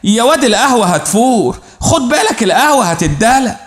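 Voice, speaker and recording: A man's voice: extremely high pitch, very animated, brisk. A man with an Egyptian accent voicing a teasing, mocking woman who talks in a sly, scoffing way. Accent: Egyptian Arabic. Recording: roomy echo.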